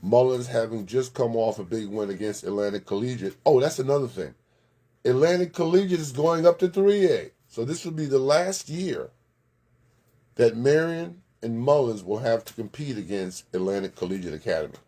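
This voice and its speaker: A man's voice: medium pitch, animated, normal speed, warm tone. A man hosting a local sports recap, chatting casually, giving blunt opinions and greeting viewers by name. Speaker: sports show host. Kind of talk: casual live sports commentary.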